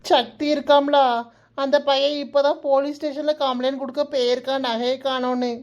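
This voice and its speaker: Woman doing a high-voiced nosy village girl, kanyakumari tamil accent, teasing. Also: completely flat delivery, normal speed, a little mellow, highs cut off, lightly acted. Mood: gossipy.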